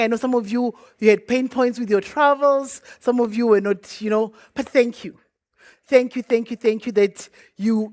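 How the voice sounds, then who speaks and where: A fairly high-voiced woman, speaking into a stage mic at a launch event. Her sound is close and dry, and she talks earnestly to the crowd, piling up thanks and humble requests with chatty asides. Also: no room sound. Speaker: bank programme representative. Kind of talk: closing speech at a launch event.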